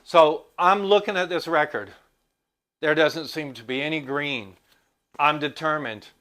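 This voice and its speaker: A man's voice: fairly high pitch, measured pace, a bit bright. A middle-aged man vlogging, telling a story about a record in a chatty, enthusiastic way. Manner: enthusiastic, chatty, acts out quotes. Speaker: music vlogger.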